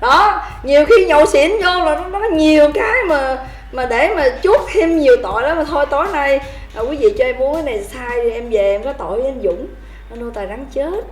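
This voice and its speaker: High-voiced woman, echoey. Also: fairly quick. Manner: animated, laughing often, calls out toasts. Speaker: livestream host telling drinking stories to viewers. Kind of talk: casual storytelling chat.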